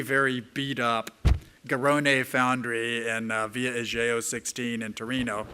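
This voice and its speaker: Male writer co-presenting, bright timbre, relaxed and chatty. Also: mid-range voice. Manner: relaxed, with hedging fillers like "you know" and "uh". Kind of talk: casual conference talk.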